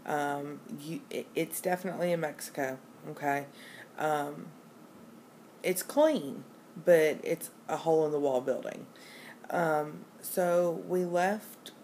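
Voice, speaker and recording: A woman giving a casual, halting personal account, gassy while recovering a day after surgery. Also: sits low, a little mellow. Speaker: patient vlogger. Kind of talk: casual personal vlog, recounting an experience. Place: hotel room. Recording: noticeable background room noise.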